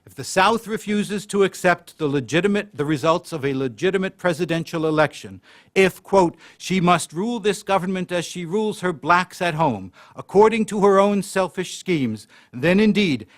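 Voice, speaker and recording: A man with a slightly higher-than-usual voice reads a history lecture from a prepared text. He gives quoted passages extra weight and slows down on the key phrases. Now and then he trips over a word and starts it again. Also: lively intonation. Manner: occasional slips and restarts mid-sentence.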